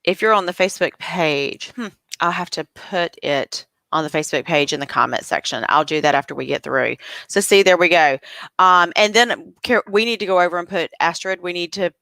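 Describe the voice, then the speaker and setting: A woman's voice: on the low side, brisk, pushed and bright, no echo. A woman hosting a casual live interview, chatty and troubleshooting aloud, with a cough drop in her mouth. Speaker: livestream host.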